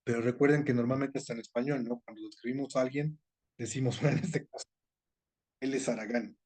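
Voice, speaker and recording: A man gives a patient explanatory lecture at a middling pitch. He repeats points and corrects himself as he goes, checking in with his listeners. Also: fairly even intonation, a little fast, a little mellow. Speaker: seminar lecturer on etymology. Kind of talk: explanatory online class.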